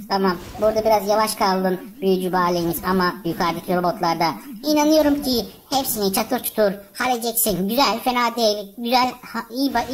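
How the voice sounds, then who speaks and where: Excitable woman cheering on a game. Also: a little high, low-quality recording. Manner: cheers on game characters, chatty, addresses viewers. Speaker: gaming channel host. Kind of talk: excited let's-play commentary.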